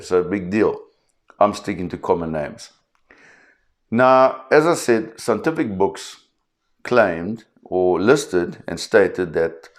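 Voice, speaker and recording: A South African man in his fifties, a shark expert explaining to camera with an emphatic, animated storytelling manner. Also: low voice. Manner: emphatic, animated storyteller who acts out quotes.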